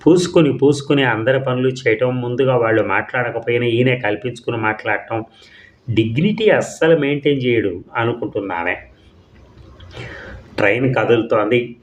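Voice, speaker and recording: A man narrating a short story for an audio story channel in a calm, steady way. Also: medium pitch, normal speed.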